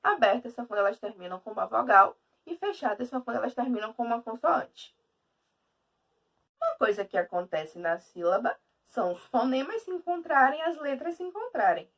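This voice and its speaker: A woman teacher with a Brazilian Portuguese accent giving a video lesson in an emphatic, lively way. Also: a little high, brisk, distant mic.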